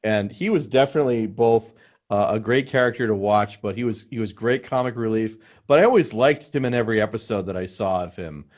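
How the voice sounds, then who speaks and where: Low-voiced eager male podcast co-host. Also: fairly quick, darkish tone. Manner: eager fan, trailing off with fillers. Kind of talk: casual chat. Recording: muffled lo-fi podcast audio.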